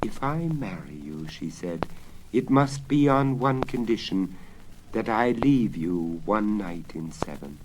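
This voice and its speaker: A man voicing a soft, mysterious fairy woman. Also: lowish voice, lively intonation, slow. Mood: solemn warning. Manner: soft, solemn. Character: gentle, mysterious young fairy woman, softly spoken. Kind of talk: dramatic storybook reading. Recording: crackly 1970s vinyl spoken-word record.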